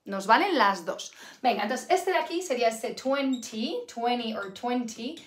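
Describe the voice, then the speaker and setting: Lively woman teaching in an echoey room. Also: on the high side, a little slow. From Canada. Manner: lively, chatty, repeats words for learners. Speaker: English teacher. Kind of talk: live online English lesson.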